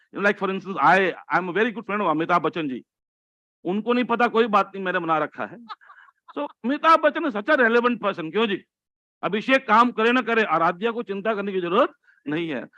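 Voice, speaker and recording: A man's voice: high-pitched, pushed and bright, no room sound, low-quality recording. A man in his sixties with an Indian English accent, giving a motivational keynote talk, joking and quizzing the audience. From India, grew up in Delhi. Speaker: motivational speaker.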